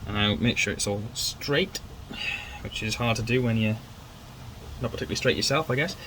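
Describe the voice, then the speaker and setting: A man's voice: fairly low pitch, a little fast, background noise. A man doing a casual, self-deprecating how-to narration while working on his car in a garage. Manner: chatty, self-deprecating, rambling. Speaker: car build vlogger. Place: garage workshop.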